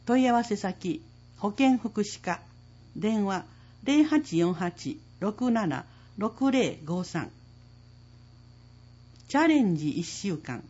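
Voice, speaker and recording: Woman, public notice announcer, measured delivery, warm voice, dull lo-fi audio. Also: mid-range voice, slightly rough. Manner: measured, reads phone numbers slowly. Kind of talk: municipal public service announcements.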